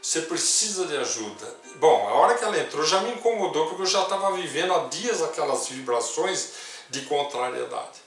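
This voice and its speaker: An older Brazilian man in his sixties giving a storytelling spiritist testimony, softly quoting others as he goes. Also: on the high side, animated, fairly quick. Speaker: spiritist speaker. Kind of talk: personal testimony talk. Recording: distant mic with heavy room echo, faint music.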